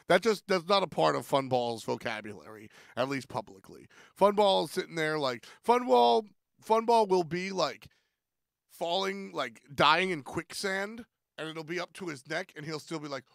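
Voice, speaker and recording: A man hosting his weekly stream, chatting in a loose, rambling way and often poking fun at himself. His voice sits a bit high with a gravelly edge. The sound is close and dry. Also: animated, moderate pace, a bit bright, dry recording. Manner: rambling, self-deprecating, playful. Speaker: streamer and weekly show host. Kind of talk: casual stream commentary.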